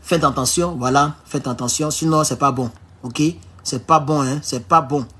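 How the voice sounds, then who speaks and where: A man's voice: mid-range voice, steady tone, moderate pace, fairly bright tone. A man from Côte d'Ivoire with an Ivorian French accent, telling a personal story as a political vlogger and giving emphatic warnings to his audience. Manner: emphatic, warning tone, with English phrases mixed in. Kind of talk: casual storytelling monologue.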